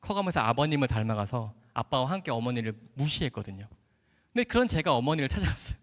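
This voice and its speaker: A man who is a doctor giving an animated church testimony, acting out dialogue and laughing often as he tells his story. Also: medium pitch, quick pace. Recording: echoey hall.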